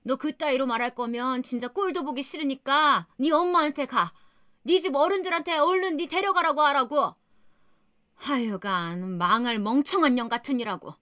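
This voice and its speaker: A woman voicing a harsh older mother-in-law who berates and belittles in a shrill, contemptuous way. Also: normal speed, sharp tone, dry recording, studio quality. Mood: contemptuous berating.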